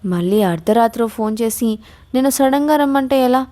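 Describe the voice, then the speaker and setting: A woman voicing a young woman, a restless friend with a teasing, lively way of talking. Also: fairly high pitch, normal speed, close to an everyday voice. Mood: bored.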